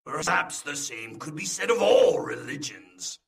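An actor playing a haughty, menacing vampire lord in a video game with grandiose, theatrical stage delivery. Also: male voice, on the high side, big pitch swings, unhurried, creaky, fairly bright tone, distant mic, heavily acted. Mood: grandiose contempt. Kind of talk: video game cutscene acting.

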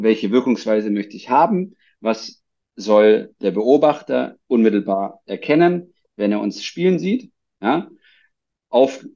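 Male podcast host, gravelly, fairly low voice, halting delivery, dull lo-fi audio. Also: mellow. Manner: halting, reworks sentences mid-thought. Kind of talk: conversational interview.

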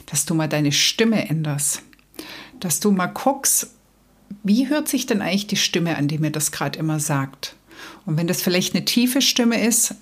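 A woman hosting a solo podcast, calmly explaining to the listener. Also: mid-range voice. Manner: calm, explanatory, addresses listener directly. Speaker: podcast host and coach.

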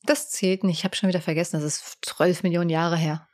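A woman's voice: lowish voice, fairly even intonation, fairly quick, a little mellow. A woman co-hosting a podcast in casual chat, teasing and playful, laughing often. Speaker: podcast co-host.

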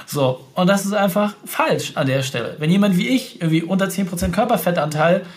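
Male consultant guest, rapid and emphatic, speaks straight to the listener, voice a touch high. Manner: emphatic, direct, peppered with "ja" and "so". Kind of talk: podcast interview.

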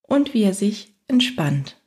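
A woman with a mid-pitched voice leads a guided relaxation. She reads in a soothing, unhurried way. Long pauses separate her phrases, as in a scripted meditation. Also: big pitch swings, a little mellow. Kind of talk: guided fantasy journey, scripted relaxation narration.

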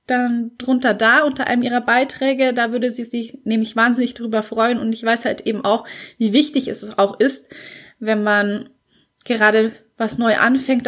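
A woman hosting her podcast, speaking in an enthusiastic, gushing way with fillers. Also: on the high side. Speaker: podcast host and author. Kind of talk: casual podcast intro monologue.

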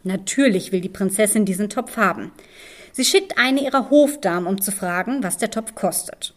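Fairy-tale narration and discussion fill this podcast, hosted by a woman whose pitch is medium. Her storytelling is both measured and expressive.

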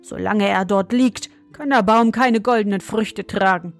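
A woman voicing a gruff, surly male ogre who grumbles his answers. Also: medium pitch, a little slow, soft background music, close to an everyday voice. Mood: grumbling.

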